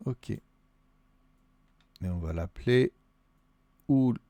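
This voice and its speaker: Slow, gravelly Vaudois Swiss man. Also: fairly low pitch, warm tone, no room sound. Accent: Vaudois Swiss French. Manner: mutters and counts under his breath, musing to himself. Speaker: solo wargame player. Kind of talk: thinking aloud through a solo board wargame.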